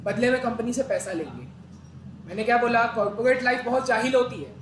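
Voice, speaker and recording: A man's voice: extremely high pitch, fairly quick. A man teaching an accountancy class, talking conversationally, quizzing students and repeating key terms. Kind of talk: classroom lecture. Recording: echoey room with background noise.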